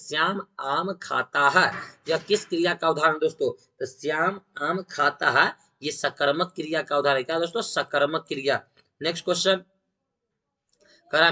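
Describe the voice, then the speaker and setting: A man's voice: fairly high pitch, vocal fry, bright, forceful tone. A man with a Bihari Hindi accent teaching exam questions, repeating each answer back as a question to his viewers.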